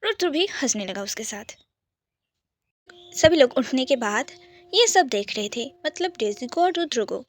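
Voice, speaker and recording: A woman telling a romantic story in a soft, intimate whisper. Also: high voice, expressive, a little slow, pauses often.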